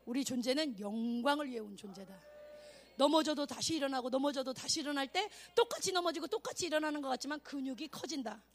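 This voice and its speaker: A woman evangelist preaching at a youth camp, animated and exclamatory, calling out for responses and acting out quotes. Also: high voice, quick pace. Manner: acts out quotes in voices.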